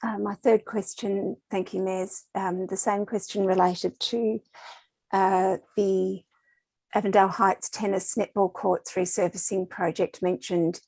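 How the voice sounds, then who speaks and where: A woman councillor with a hoarse, failing voice, asking hesitant, careful procedural questions at a council meeting. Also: mid-range voice, no room sound. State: voice going, hoarse.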